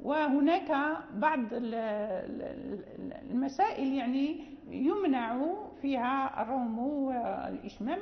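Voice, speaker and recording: A woman teaching the rules of Quran recitation in an explanatory lesson. She often checks in with her listeners with a quick "hm?" and goes over each point slowly, one step at a time. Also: sits high. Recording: dull, echoey hall recording.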